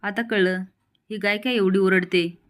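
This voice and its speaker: A sharp-tongued old village grandmother, as a woman storyteller puts her on, blunt and scolding. She speaks at an ordinary pitch, with rustic, cutting turns of phrase. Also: fairly even intonation, a little slow, lightly acted. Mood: sharp, indignant.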